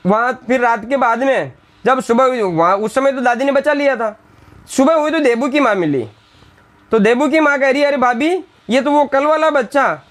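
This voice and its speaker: A man's voice: extremely high pitch, a bit bright. A male teacher explaining a Hindi textbook lesson, reading lines and then retelling them in simple words. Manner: briefly acts out the village women's scolding lines. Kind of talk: classroom lesson explaining a text.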